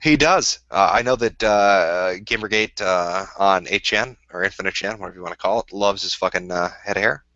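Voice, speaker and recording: Drunk, bright-voiced Minnesotan man. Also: low-pitched, normal speed, hardly any pauses, dry recording, highs cut off. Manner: crude, rambling, laughs often. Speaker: streamer. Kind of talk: casual livestream chat.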